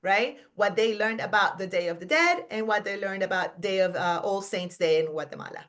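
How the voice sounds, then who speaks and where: A woman's voice: mid-range voice, fairly quick, a bit bright. Woman presenter with chatty "right?" checks. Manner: chatty, with frequent "right?" and self-corrections. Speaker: teacher leading a workshop. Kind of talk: conference workshop presentation. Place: conference room.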